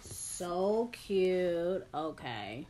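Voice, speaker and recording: A woman's voice: lowish voice, sing-song, drawn-out words, dark tone, rough recording. A woman vlogger in casual, gushing unboxing chat, full of "like" fillers. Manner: chatty, gushing, lots of "like" fillers.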